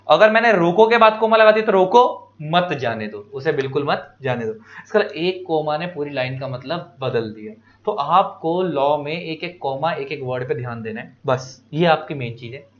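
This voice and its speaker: Animated high-voiced male law tutor. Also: highs cut off. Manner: animated, repeats key points, mixes English terms into Hindi. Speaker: law teacher. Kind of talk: informal exam-prep lecture.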